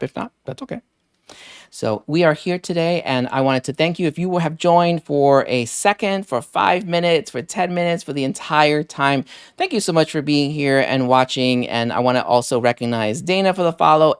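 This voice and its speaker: A man's voice: mid-range voice, smooth, no room sound, studio quality. A man hosting a live deals stream, chatting casually and rambling with many fillers while thanking viewers by name. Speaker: livestream deals host.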